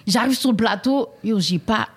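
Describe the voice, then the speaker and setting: Rambling Quebec woman, slightly high voice. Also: lively intonation, normal speed, background noise. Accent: Quebec French. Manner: rambling, filler-heavy, mixes in English. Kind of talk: casual chat.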